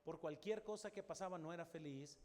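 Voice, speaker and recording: A middle-aged man preaching a sermon, telling a personal story and dropping to a soft voice for quoted prayers. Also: a little high, brisk. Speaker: pastor. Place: large church hall. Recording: long church reverb, faint room noise.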